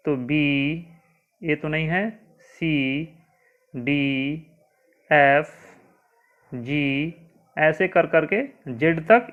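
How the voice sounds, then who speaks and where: A man teaching young pupils a spoken grammar lesson, patiently spelling words letter by letter and asking the class questions he then answers himself. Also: on the high side. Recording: tinny phone-like audio.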